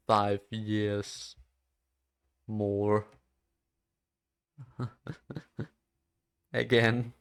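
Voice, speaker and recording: A man's voice: on the low side, clear, resonant tone. An eighteen-year-old man streaming live, chatting casually while he codes, rambling with lots of "like" fillers and frequent swearing.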